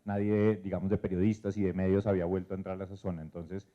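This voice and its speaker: A man speaking on a panel, measured and hesitant with many fillers. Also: low voice, level tone. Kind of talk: panel discussion. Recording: dull lo-fi event recording.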